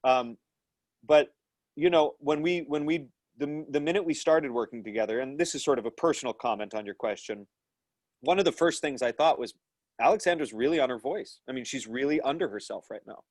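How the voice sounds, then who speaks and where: A man in his thirties speaks briskly in a mid-range voice while teaching an acting class over a video call from a small room at home. It is a live lecture with Q&A, captured dry on an earphone headset mic. He is thoughtful but full of fillers and restarts, and he gestures with his hands while explaining.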